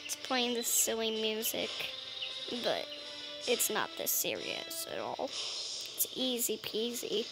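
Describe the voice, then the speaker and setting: Playing a video game, a woman role-plays as a dragon and muses casually as she goes. Her voice is a little high and sing-song, and she takes her time. Game music plays behind her.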